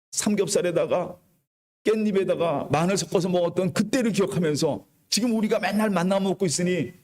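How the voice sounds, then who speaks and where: A male pastor delivers a sermon in a somewhat high voice. He tells the story in a chatty, everyday way and has the congregation repeat his words. The sound carries a long church-hall reverb. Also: darkish tone. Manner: preaching with call-and-response to the congregation; retells the story in colloquial storytelling tone. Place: church sanctuary.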